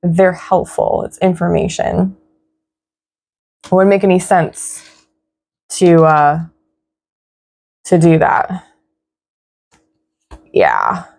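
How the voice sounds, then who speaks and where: A woman's voice: on the low side, big pitch swings, a little mellow. A young woman giving a casual tarot reading in a reflective, encouraging way. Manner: slow, reflective, spiritual, encouraging. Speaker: tarot reader.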